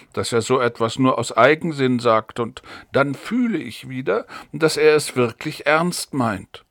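A man's voice: mid-range voice, a bit bright, no echo, clean studio sound. A man reading the part of an earnest, trusting young woman in an audiobook, in a pleading tone.

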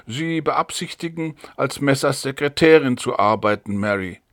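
Calm, measured police officer in a storybook reading, expressive pitch, voiced by a man. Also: no echo, clean studio sound, lightly acted. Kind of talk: audiobook dialogue reading.

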